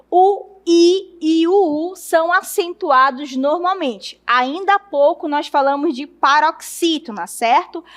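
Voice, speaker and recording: Woman, Brazilian Portuguese accent, high voice, teacher, step-by-step explaining, stretched-out syllables. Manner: explains step by step, checks in with the class; drawn-out spelling of syllables. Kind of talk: classroom lesson.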